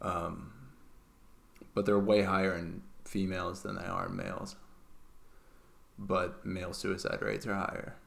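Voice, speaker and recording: Young man, casual podcast chat, deep pitch, lots of filler words. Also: level tone, measured pace, vocal fry, long pauses, a bit bright. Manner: swearing, filler-heavy, rambling. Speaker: podcast co-host.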